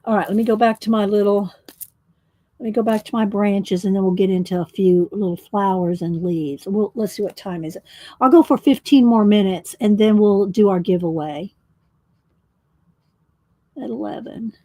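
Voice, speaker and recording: A woman's voice: medium pitch, normal speed, dark tone, dry recording. A woman chatting casually with viewers during a coloring live stream, rambling and restarting her sentences. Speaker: livestream host coloring.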